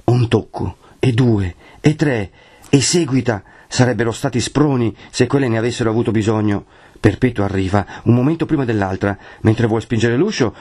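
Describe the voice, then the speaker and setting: A man from Italy reading a classic novel aloud as an expressive audiobook narrator. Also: medium pitch, slightly rough. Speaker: audiobook reader.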